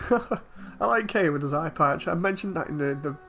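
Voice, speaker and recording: A man's voice: on the high side, lively intonation, a little slow, vocal fry, pushed and bright. A man streaming a game, chatting casually in a rambling, conversational way. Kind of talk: casual livestream chat over a game.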